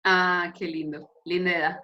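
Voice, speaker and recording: A pastor in her thirties with a Chilean Spanish accent leads a youth meeting's informal Bible talk on a video call, casual and chatty. Her voice is fairly low, level, and measured, and the call audio is dull and lo-fi.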